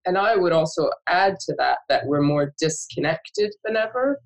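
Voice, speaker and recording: A woman with a low, expressive voice hosts a podcast interview at a moderate pace, though the audio quality is poor. She reflects on her own experience and asks questions conversationally, with frequent fillers and restarts.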